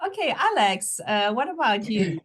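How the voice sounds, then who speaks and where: A woman's voice: on the high side, big pitch swings, moderate pace. A woman hosting a panel chat, casually thanking speakers and passing questions along. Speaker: host. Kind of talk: casual moderating.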